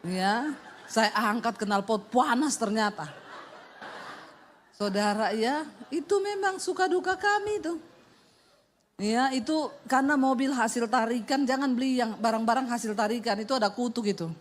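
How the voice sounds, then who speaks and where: A woman's voice: on the high side, normal speed, long pauses, slight background noise. A middle-aged woman pastor, telling funny stories in a sermon and acting out voices and sounds. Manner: animated, acts out voices and sound effects. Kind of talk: humorous sermon storytelling.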